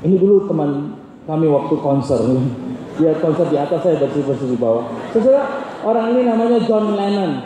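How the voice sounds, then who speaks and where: A male preacher giving a sermon at a university service, animated and humorous, talking straight to the congregation. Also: on the high side, a little fast. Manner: animated and humorous, addresses listeners as saudara. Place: university worship hall. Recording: echoey hall, distant mic, faint noise.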